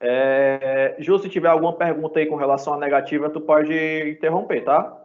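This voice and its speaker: A man with a Brazilian Portuguese accent teaches an English class live online, explaining patiently and checking in with his students often. His voice is a little high, steady, and brisk, and the recording has a dull, lo-fi sound.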